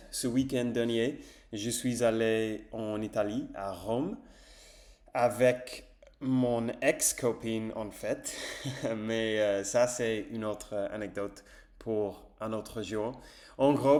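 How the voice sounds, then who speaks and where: A man's slightly mellow, medium-pitched voice: he's a native English speaker with an English accent practising French in a language-learning vlog. Searching for words, he speaks casually and haltingly with lots of fillers and self-corrections.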